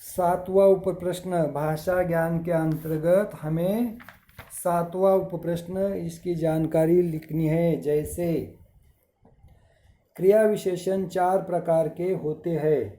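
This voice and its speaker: A man teaching a grammar lesson, reading words one at a time and slowly explaining pronunciation. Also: on the high side, steady tone, dark tone. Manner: slow, deliberate word-by-word reading with explanations. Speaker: school teacher. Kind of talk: recorded Hindi grammar lesson. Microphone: screen recording with device mic.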